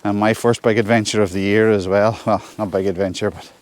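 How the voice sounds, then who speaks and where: A man's voice: lowish voice, steady tone, brisk. A man with a Northern Irish accent chatting casually to viewers as he trudges through snow outdoors on a solo hike. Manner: talking while trudging through snow on foot. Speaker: solo hiker vlogging. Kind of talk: casual walking vlog. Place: outdoors on a snowy hill forest track.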